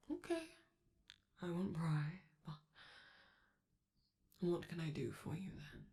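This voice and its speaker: A woman plays a flamboyant, vain robot star in a scripted ASMR roleplay, theatrical and doting, elongating words and using teasing endearments. Her voice is medium-pitched and dark, with a curious, teasing mood.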